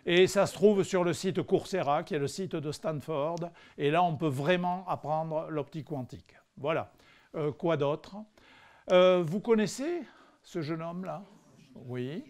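Man lecturing with halting, chatty delivery. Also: on the high side, a little mellow. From France. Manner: conversational, hesitant with frequent fillers; dry humorous asides to the audience. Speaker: physicist giving a public lecture. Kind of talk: public science lecture. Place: lecture hall before a live audience.

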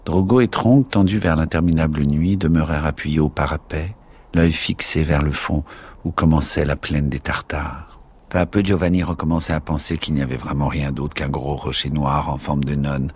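Deep-voiced man narrating an audiobook. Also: darkish tone, slight background noise. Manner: measured, dramatic storytelling.

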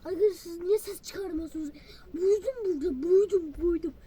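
A woman vlogging from inside a car, chatting to her viewers in a loud, teasing and crude way, with sudden yells and mumbled asides. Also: extremely high pitch, fast, slight background noise. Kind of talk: casual vlog chat to viewers.

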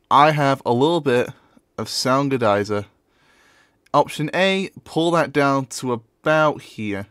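A man with a mid-range voice presents a casual screen-recorded software tutorial in an informal, offhand way. The recording is dry, with very little room sound.

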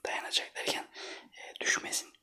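A man from Trabzon in Turkey whispering a casual, rambling ASMR anecdote in breathy, colloquial, foul-mouthed speech. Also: moderate pace, sharp tone. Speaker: ASMR storyteller.

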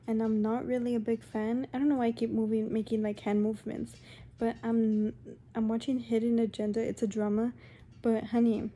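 A woman's voice: fairly high pitch, dark tone, a little hiss or hum. A woman vlogger ranting casually to the camera at home, repeating herself and calling the viewer honey.

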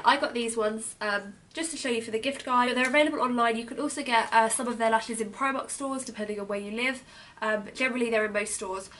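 Chatty British woman, slightly high voice. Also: a bit bright. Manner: chatty, enthusiastic product talk with many ums. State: losing her voice. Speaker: beauty blogger. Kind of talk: casual gift-guide vlog.

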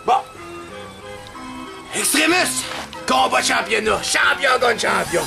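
A man's voice: very high voice, animated, slow pace, gravelly. A man with a Québécois French accent cutting a manic, screaming, swearing backyard wrestling promo. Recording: music playing loudly behind.

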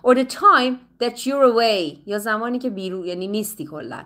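A Persian-speaking woman teaching English in a playful, lively way, slowing down carefully whenever she speaks English. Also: medium pitch. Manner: switches between Persian and slow, carefully spoken English. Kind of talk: live online English lesson.

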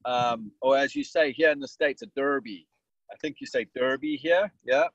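A man's voice: medium pitch, moderate pace, dry recording, dull audio. Guy from malawi and south africa chatting about coaching, lots of um and restarts, dry mic. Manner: rambling, many restarts and fillers. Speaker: soccer coach guest. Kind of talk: casual interview answers.

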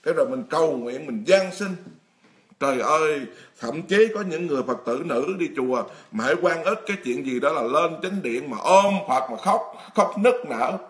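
Monk, middle-aged man, frank sermon voice, slightly high pitch, speaks straight to the hall. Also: lively intonation, normal speed. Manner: blunt, emphatic, addresses the congregation directly. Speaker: Buddhist monk preaching. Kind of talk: dharma talk sermon.

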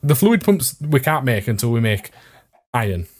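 A man's voice: mid-range voice, very animated, a little mellow, breathy edge, dry recording. A young man with a playful, cheeky manner, co-hosting a casual gaming session. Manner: playful, cheeky, quick to laugh. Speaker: Let's Play co-host.

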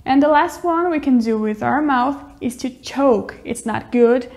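High-voiced young woman teaching English. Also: unhurried, creaky, darkish tone. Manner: cheerful, explains with little demonstrations. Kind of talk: casual teaching with acted demonstrations.

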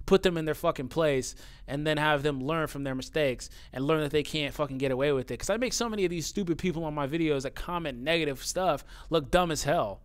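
His voice sits on the high side, clear and resonant, and runs a little fast. As a YouTuber chatting to camera, he reads comments from viewers with blunt, profane, increasingly heated reactions, and says his voice sounds young.

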